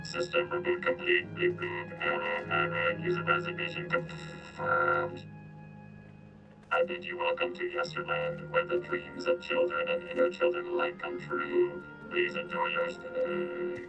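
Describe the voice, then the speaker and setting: A man using a voice changer that shifts his voice very deep, voicing a machine-like theme-park system announcer with a slow, formal delivery. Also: huge pitch swings, vocal fry, full character voice. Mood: ominous. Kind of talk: voicing a game character during a let's play. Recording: dull, distant, over loud game music.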